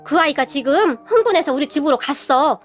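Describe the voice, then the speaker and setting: A woman voicing a stern middle-aged father who speaks slowly and coolly in a radio story. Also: high-pitched, animated, faint music behind.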